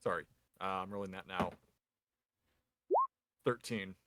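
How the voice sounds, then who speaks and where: A man's voice: deep voice, steady tone, measured pace, very noisy. A man talking casually as a player in a tabletop role-playing game.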